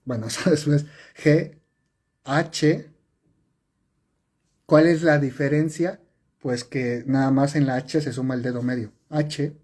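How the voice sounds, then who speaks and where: A man's voice: medium pitch, fairly even intonation, takes it slowly, long pauses, a little mellow. A man teaching sign language on a live stream, explaining step by step, repeating and correcting himself with many fillers. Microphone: phone or webcam on a live stream.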